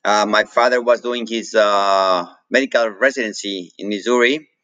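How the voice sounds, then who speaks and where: A man's voice: on the low side, steady tone, moderate pace, fairly bright tone, dry recording, lo-fi sound. A man with a Mexican accent, chatting casually as an interview guest and rambling with many fillers and restarts. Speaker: guest, coffee roaster.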